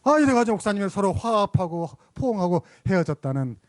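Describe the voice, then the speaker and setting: Male pastor, sermon storyteller; fairly high, lively pitch, dry close mic. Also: quick pace, no echo. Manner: storytelling, asks the congregation questions.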